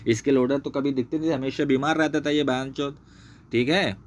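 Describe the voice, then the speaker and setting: A little fast and fairly even in intonation, this mid-range male voice belongs to a channel host exposing someone he used to work with. He points at things on his screen while ranting, cursing heavily and repeating himself in anger.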